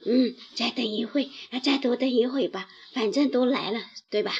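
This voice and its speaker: Lady doing a starving grey wolf for a kids story, lower grumbly voice, dull recording. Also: normal speed, gravelly, slightly rough. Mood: hungry, hesitant. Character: hungry big grey male wolf, weak and hesitant.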